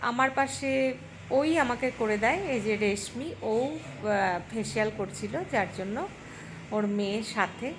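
A middle-aged woman with a hoarse voice chatting casually and haltingly as she narrates a vlog. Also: fairly high pitch, slight background noise. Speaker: vlogger.

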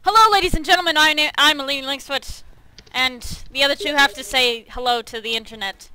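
A young woman hosting her gameplay video, giggly and excitable, reacting loudly to the game. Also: sits high, brisk, no room sound, poor audio. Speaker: video host. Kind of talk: gameplay commentary with banter.

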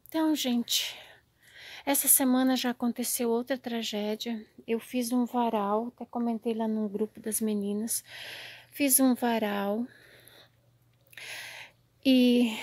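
A woman's voice: fairly high pitch, a little mellow, dry recording. A woman vlogging in her home garden, dismayed and close to tears, often sighing and dropping to near-whispers. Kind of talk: casual vlog to camera.

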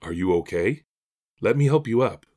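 A man voicing a kindly, helpful castle butler in a children's audiobook, speaking gently and reassuringly. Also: a little high, big pitch swings, measured pace, breathy edge, voice pushed up, exaggerated voice. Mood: gentle.

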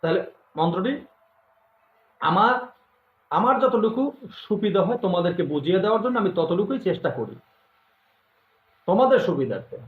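A man hosting a channel who teaches mantras to his viewers, talking slowly and deliberately, repeating himself and scolding them directly. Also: high voice, very animated. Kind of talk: instructional talk to viewers. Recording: echoey room, tinny phone-like sound.

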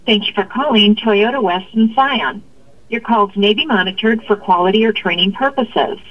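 A woman's recorded phone greeting played through a car speaker, with a formal, even announcer delivery. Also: medium pitch, normal speed. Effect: recorded phone message heard over a car speaker. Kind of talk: scripted automated greeting. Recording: dull lo-fi phone audio.

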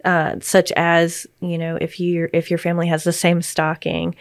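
A woman speaking as a grief counselor and podcast co-host, giving gentle, reassuring explanations in conversation. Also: on the low side, monotone, moderate pace, dry recording, clean studio sound.

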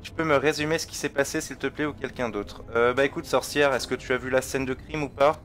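A man's voice: medium pitch, steady tone, a little fast, fairly bright tone, soft background music. A man giving casual let's-play commentary, chatting with viewers and trailing off mid-sentence. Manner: chatty, talks to viewers and chat, laughs, trails off. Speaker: gamer.

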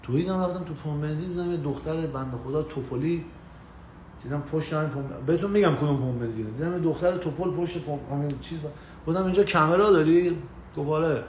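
A man casually telling a story on a live stream, slangy and swearing, greeting viewers by name. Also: high-pitched. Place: indoors in the US. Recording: echoey room with faint ambient noise.

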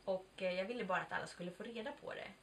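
A woman's voice: mid-range voice, fairly bright tone. A woman in her twenties telling a personal story in a chatty, candid way, swearing now and then and acting out bits of dialogue. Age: 20s. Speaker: vlogger. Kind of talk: casual confessional storytelling. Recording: distant mic with faint background noise.

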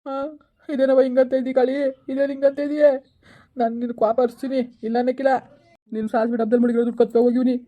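A woman's voice: sits high, level tone, quick pace, phone-quality sound, natural voice. A woman playing a lazy village husband who fawns over and pleads with his wife, in a comedy skit. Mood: pleading. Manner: fawning then pleading.

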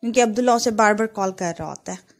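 A woman casually retelling a TV drama episode, chatty and full of fillers as she walks through the scenes. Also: medium pitch. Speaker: drama reviewer.

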